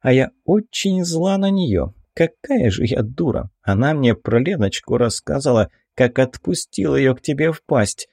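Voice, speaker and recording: A man's voice: mid-range voice, expressive, a little slow, gravelly, few pauses, a little mellow, breathy edge, dry recording, full character voice. A man voicing a sly, snarling five-hundred-year-old demon woman in an audiobook, with a mocking, defiant delivery. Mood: bitter. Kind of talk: audiobook character voice.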